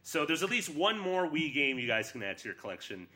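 A man co-hosting a casual gaming podcast, talking in a halting, rambling way with repeated false starts. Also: a little high, sing-song, pushed and bright. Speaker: podcast co-host.

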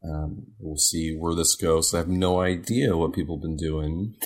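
A man's voice: deep voice, steady tone, moderate pace. A man hosting a casual podcast, easygoing and chuckling as he steers the introductions and keeps the chat moving. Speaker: podcast host.

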